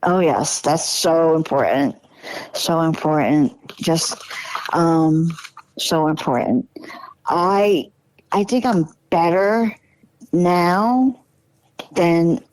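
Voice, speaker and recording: A woman in her sixties talks casually as a podcast guest, in a fairly low voice. She is chatty, loops back on the same phrases and trails off mid-thought. The recording is dry and close. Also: very slow, pauses often, a little mellow, no room sound, rough recording. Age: 60s. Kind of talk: casual conversation.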